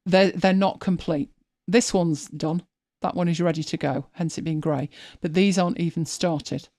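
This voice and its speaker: A woman's voice: fairly low pitch, steady tone, moderate pace, warm tone, no echo, studio quality. A woman hosting a live stream, chatting casually as she walks viewers through her screen, thinking aloud and often restarting her sentences. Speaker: host.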